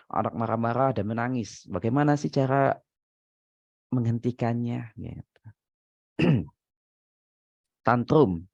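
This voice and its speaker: A man's voice: mid-range voice, slow pace, creaky, pauses often, darkish tone, no echo. A man, a father, casually giving parenting advice in a chatty way, laughing often and using many fillers. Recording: dry, dull lo-fi sound.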